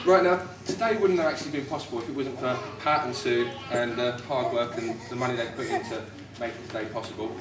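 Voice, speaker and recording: A man's voice: mid-range voice, steady tone, quick pace, few pauses. A British man giving an informal, teasing wedding toast as the groom. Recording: distant mic, roomy, loud crowd noise. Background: noisy wedding guests.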